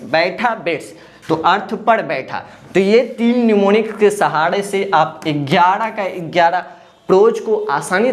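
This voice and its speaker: A woman teaching an exam-prep lesson, drilling her students by asking questions and answering them herself. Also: medium pitch.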